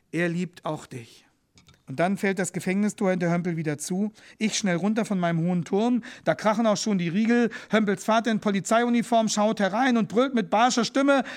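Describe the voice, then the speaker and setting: High-voiced man retelling a memoir. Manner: expressive reading, slowing for quoted hymns.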